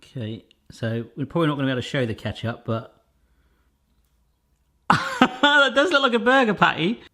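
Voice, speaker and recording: A cooking channel host, a man, explains his baking process step by step while chatting and joking at home. He speaks at a moderate pace in a fairly high, pushed, bright voice with lively intonation, and the echoey room carries faint noise.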